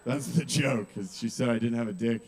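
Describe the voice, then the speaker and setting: A man's voice: mid-range voice, a little fast. Young man doing stand-up. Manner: conversational, asks the audience questions, swears. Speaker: open mic comedian. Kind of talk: stand-up comedy. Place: small kava bar with live audience.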